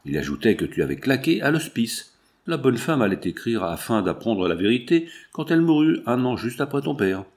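A man's voice: mid-range voice, very animated, a little fast. A man voicing a talkative young working-class mechanic with folksy, exclamatory slang. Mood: hearty.

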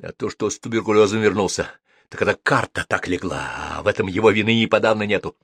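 A man's voice: fairly low pitch, fast talker, husky, no echo. A man voicing a hot-tempered older brother who speaks with bitter, scornful anger. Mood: angry bitter. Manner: angry, shouting, scornful.

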